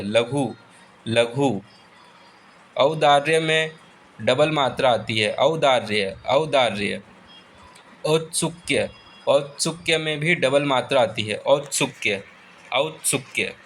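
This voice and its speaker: A man teaching exam spelling, saying each word slowly and repeating it for his students. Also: mid-range voice, fairly bright tone, slight background noise, low-quality recording. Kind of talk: slow spelling lesson.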